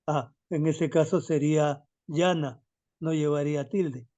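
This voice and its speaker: A man's voice: fairly high pitch, fairly even intonation, measured pace, mellow, dry recording, dull audio. A man answering a teacher's questions in an online class, brief and tentative. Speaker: student. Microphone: video call.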